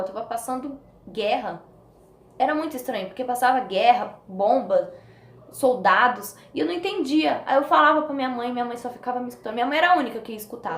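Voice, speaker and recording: Brazilian woman vlogger, high and fast, animated testimony storytelling, roomy echo. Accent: Brazilian Portuguese. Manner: animated, acts out voices and screams from the story. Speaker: vlogger telling a personal testimony. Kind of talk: personal storytelling. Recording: echoey room with faint noise.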